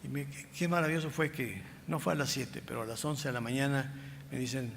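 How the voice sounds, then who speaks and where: Older Mexican pastor preaching emphatically. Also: male voice, mid-range voice, vocal fry. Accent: Mexican Spanish. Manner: emphatic, slow stretches rising in loudness, acts out past dialogues. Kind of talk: sermon with personal testimony. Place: church sanctuary. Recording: long church reverb, faint room noise.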